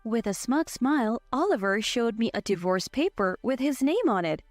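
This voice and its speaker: A woman in her twenties narrating a scripted first-person story with an even, steady delivery. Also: on the high side, normal speed, no room sound, soft background music. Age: 20s.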